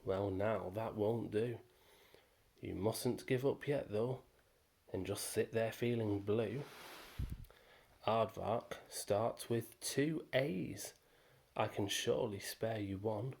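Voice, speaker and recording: A man voicing a fussy, kindly aardvark in a storybook reading, snuffling and exclaiming loudly in old-fashioned phrases. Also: fairly low pitch, takes it slowly, vocal fry, pauses often, heavily acted. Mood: consoling.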